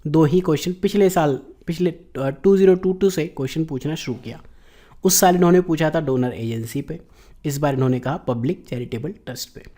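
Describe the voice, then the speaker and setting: A middle-aged man with an Indian accent, lecturing on exam questions and slowing down to read each question out. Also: fairly high pitch, dark tone. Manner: explanatory, slows down to read English question text. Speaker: exam coaching teacher.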